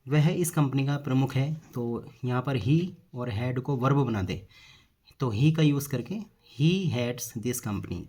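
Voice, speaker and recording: A man teaching spoken English, slowly repeating each example sentence twice. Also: medium pitch, dark tone. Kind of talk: spoken English lesson in Hindi.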